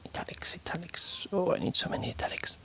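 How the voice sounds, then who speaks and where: A writer whispers as he reads a story aloud and edits it, an ASMR session full of hesitant fillers and self-corrections. He talks fast, with a pushed, bright quality.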